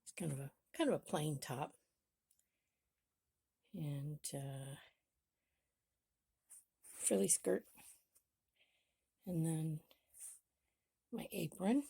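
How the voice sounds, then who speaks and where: A middle-aged woman with a low voice chats about her costumes in a relaxed show-and-tell. She rambles a little and restarts her sentences. The sound is dry and close. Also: extremely slow, creaky, pauses often, breathy edge, no room sound. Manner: chatty and rambling, frequent restarts. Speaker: vlogger.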